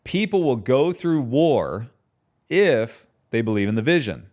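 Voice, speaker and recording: A man hosting his own podcast, talking in a passionate, conversational way and often tagging his points with quick questions. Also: medium pitch, very animated, a little mellow. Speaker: podcast host and business founder. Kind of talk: solo podcast talk.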